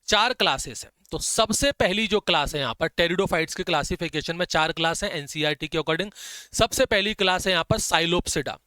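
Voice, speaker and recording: Bright, high-voiced man teaching. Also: clean tone, dry recording. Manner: repeats key terms slowly for dictation, chatty asides. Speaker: biology teacher. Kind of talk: Hindi-English exam-prep lecture, dictating notes.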